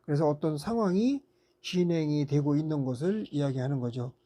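An English teacher giving a recorded grammar lecture, patiently repeating words, pausing on fillers and asking rhetorical questions. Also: medium pitch, warm tone. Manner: frequent "ja" fillers between steps.

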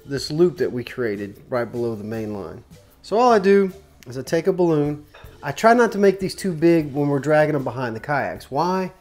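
A man in his forties with a mid-pitched voice walks through a fishing rig in a relaxed, chatty way, explaining each step as he ties it. He speaks close to the camera in a small indoor workshop, with faint music underneath. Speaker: fishing guide and host. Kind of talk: casual how-to demonstration.

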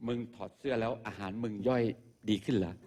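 On a live stage before an audience, a man delivers a stand-up comedy monologue that is crude, profane and mocking. His voice is fairly low and darkish, he talks quickly, and there is slight background noise.

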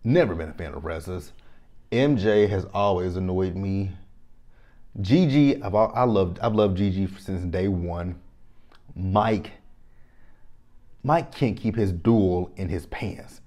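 Speaking slowly with long pauses in a deep voice, a man in his thirties from Texas, Texan accent and all, offers a casual, opinionated reality TV recap straight to the camera. He's animated, repeats himself, and talks directly to viewers, using a lapel mic in a small room with a plain backdrop.

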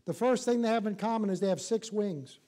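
An older man preaches in a high, mellow voice. His delivery is folksy and animated, full of joking asides and questions tossed out to the congregation. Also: brisk. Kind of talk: church sermon. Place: church sanctuary, in front of a small congregation.

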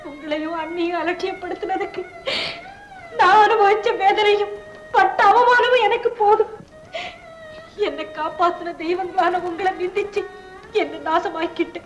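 A remorseful young wife who pleads with deep emotion. Her voice is pitched very high, with faint music behind her. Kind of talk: 1950s Tamil film acting.

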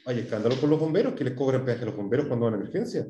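A man's voice: mid-range voice, animated, rapid-fire, warm tone, muffled recording. A man with a Chilean Spanish accent teaching an English class, asking questions and drilling pronunciation. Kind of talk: classroom lesson. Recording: echoey room, mic far off.

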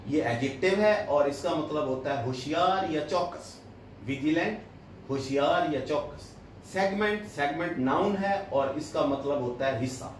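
A man's voice: on the high side, a little hiss or hum. A man, an English teacher giving a recorded lecture, reading each phrase and translating it, repeating it and stressing the key words. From Pakistan. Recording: echoey room, voice far from the mic.

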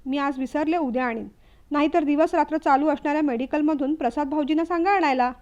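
A woman's voice: sits high, fast, a little mellow, muffled recording, close to an everyday voice. A woman voicing a worn-down young wife who answers back sharply. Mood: angry.

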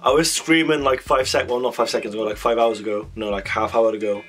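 A young adult man reacts to a song in a small bedroom, chatting excitedly into his webcam with quick giggles and lots of "like." His medium-pitched voice is hoarse and strained from screaming, and the song plays softly in the background as he vlogs his casual reaction.

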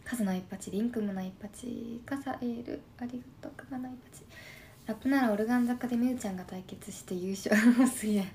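A young woman in her twenties with a Shimane accent and a husky, slightly hoarse voice, chatting casually on a live stream. She reads viewer comments aloud and murmurs quick thank-yous between remarks. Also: a little high, warm tone, slight background noise. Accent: Shimane dialect. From Shimane, Japan. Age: 20s. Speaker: idol livestreamer.

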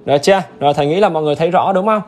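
A man's voice: a little high, racing, darkish tone, faint music behind. A man teaching English on a livestream, upbeat and chatty, often checking in with viewers. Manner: upbeat and chatty, keeps urging viewers to comment; repetitive check-ins with the audience. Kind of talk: livestream exam-review lesson.

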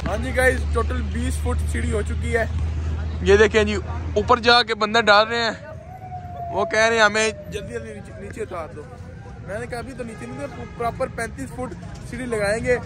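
A man's voice: extremely high pitch, very animated, moderate pace, crowd noise. A young man from Pakistan with a Punjabi-tinged Urdu accent, vlogging from a rooftop construction site and explaining the work to viewers. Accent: Punjabi-influenced Urdu. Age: young adult. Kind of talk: casual vlog walkthrough. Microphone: phone camera held at arm's length. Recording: noisy outdoor phone recording.

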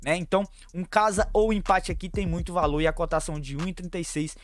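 A young man from Brazil giving quick football betting tips to his viewers, chummy and brisk, calling them family. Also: sits high, fairly even intonation. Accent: Brazilian Portuguese, São Paulo fan. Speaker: sports betting tipster. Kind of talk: fast betting tips over screen share. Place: small room at home.

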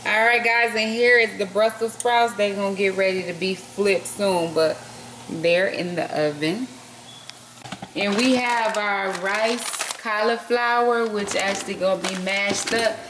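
A woman talks casually from behind the camera, narrating what the cook is doing and speaking to the viewers as y'all. She is in an echoey home kitchen where the frying and sizzling are clearly heard behind her voice. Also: medium pitch, steady tone, a little slow, noisy background. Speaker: co-host filming the cooking.

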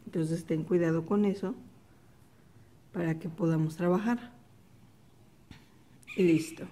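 A woman giving a patient, step-by-step embroidery lesson, calmly repeating each stitch. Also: on the low side, slow pace, a little hiss or hum. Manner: calm step-by-step instruction, repeats the steps softly. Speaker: embroidery teacher. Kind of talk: slow, patient craft tutorial.

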